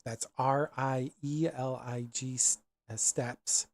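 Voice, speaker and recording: Guy running a tabletop game, dry sound, kinda halting and chill, making up the scenery as he goes. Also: medium pitch, little pitch movement, no echo. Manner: halting, laid-back, searching for descriptive words. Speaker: game master. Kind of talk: casual improvised tabletop game narration.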